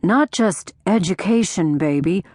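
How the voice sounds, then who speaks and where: A man's voice: sits high, expressive, a little slow, a little mellow, no echo, clean studio sound. A woman voicing an ambitious, affectionate husband raised in rural South Carolina, speaking in an exaggerated rural Southern drawl. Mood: fond.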